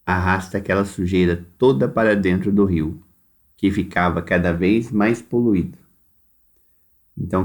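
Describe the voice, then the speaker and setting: A Brazilian man teaching a primary class by recorded video, dictating instructions and stretching words out syllable by syllable. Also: lowish voice. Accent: Brazilian Portuguese.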